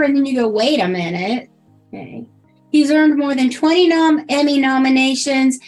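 A woman co-hosting a podcast, chatting casually and reading from notes with plenty of fillers along the way. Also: high-pitched. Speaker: podcast co-host.

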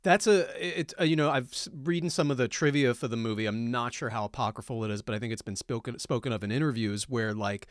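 A man's voice: mid-range voice, fast, hardly any pauses, dry recording, studio quality. Rambling man hosting a movie podcast. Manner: rambling, hedging, many fillers. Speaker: podcast co-host. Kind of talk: casual podcast chat.

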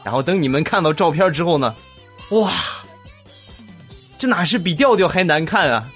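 A man's voice: fairly high pitch, animated, normal speed, a bit bright, soft background music. A man hosting a comedic podcast, reading listener comments with teasing jokes and frequent laughter. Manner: jokey, laughs often, teasing asides. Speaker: podcast host.

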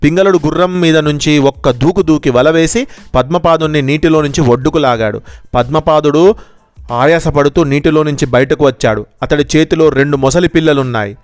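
A man narrating a children's story in a steady, measured way, in a smooth, clear voice. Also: a little high, no echo, soft background music.

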